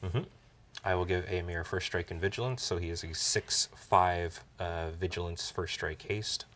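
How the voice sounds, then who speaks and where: Low-voiced man narrating his card plays. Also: steady tone, a bit bright. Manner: halting, many fillers and restarts. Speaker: card game player. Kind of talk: casual play-by-play of his own turns.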